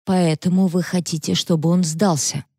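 Worried, weary mother, read by a female narrator; quiet pleading tone, low and warm, dry. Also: fairly even intonation, normal speed, slightly rough, no echo. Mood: anxious. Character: worried mother of an accused man. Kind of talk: audiobook reading.

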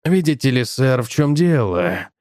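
A man's voice: medium pitch, animated, moderate pace, a little mellow, no room sound, clean studio sound, lightly acted. A man voicing an irritable, rattled businessman who talks in curt, snappish bursts. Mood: guarded.

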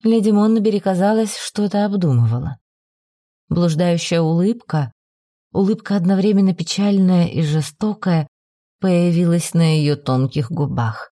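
A woman reading a novel aloud as an audiobook narrator, measured and expressive. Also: on the low side, no room sound, clean studio sound.

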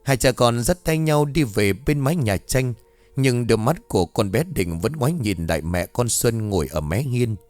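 A man narrating a scripted ghost story with a dramatic, expressive reading. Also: medium pitch, moderate pace, no room sound. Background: faint music.

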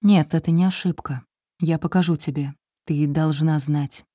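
Woman reading as a calm sad husband, low mellow voice, dry and close. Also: moderate pace, no echo. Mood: somber. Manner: quiet, gentle. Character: troubled young husband, quiet and calm. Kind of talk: audiobook character reading.

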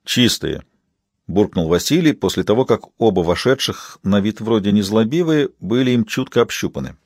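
A man with a fairly low voice reads an audiobook aloud as its narrator. His storytelling is steady and even. The close studio mic gives a very dry, dead sound. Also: a little fast, no echo. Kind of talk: scripted narration.

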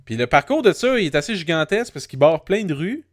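A man's voice: on the high side, sing-song, fast talker, no echo, studio quality. A young man with a Quebec French accent chatting casually on a podcast, rambling and swearing casually, often putting himself down. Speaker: podcast co-host. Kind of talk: casual chat.

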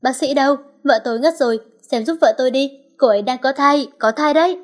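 A woman's voice: on the high side, measured pace. A woman reading as a worried, protective young husband. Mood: urgent. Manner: urgent, then soothing.

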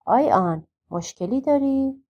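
A woman's voice: sits high, lively intonation, warm tone, lo-fi sound, pitched above the performer's own voice. A woman reading aloud voices a wise, stern old man with magic powers, scolding yet forgiving. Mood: reproachful. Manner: reproachful but forgiving.

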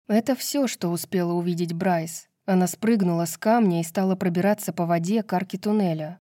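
Low, dark-voiced woman narrating. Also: no echo, clean studio sound. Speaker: audiobook narrator. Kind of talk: scripted narration.

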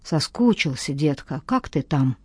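A drowsy, mumbling young man spinning lazy lies over the phone, as a woman reader puts him on. His voice sits low and dark for her, close and dry with no room sound. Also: lively intonation, measured pace, slightly rough, dry recording, exaggerated voice. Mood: soft coaxing. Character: tired hungover young man, evasive liar.

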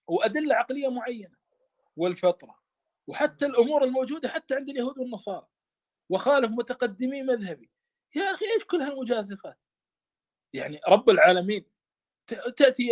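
Fast, high-voiced impassioned male teacher. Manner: impassioned, stammers and repeats words. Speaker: teacher explaining a classical text. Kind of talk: study lesson.

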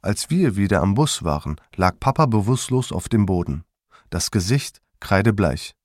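Male memoir narrator, measured delivery, low and dry. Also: dry recording. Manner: calm, measured storytelling.

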